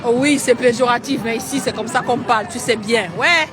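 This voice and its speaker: A man's voice: very high voice, fairly quick. A man, live-streaming from a busy city square and greeting viewers by name in a chatty, teasing way. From Cameroon. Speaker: livestream host. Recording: street crowd and music behind.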